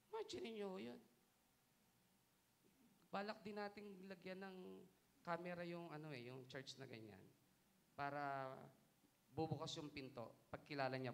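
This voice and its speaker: A man's voice: fairly high pitch, fairly bright tone. A Filipino man preaching a sermon as pastor, switching between Tagalog and English and reading scripture aloud with emphasis. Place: church.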